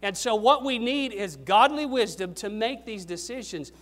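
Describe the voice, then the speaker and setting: An older man, a grandfather, preaches a sermon to young people in an animated, slightly bright voice at a moderate pace. He punches the key questions, then drops his voice low at the end of each point.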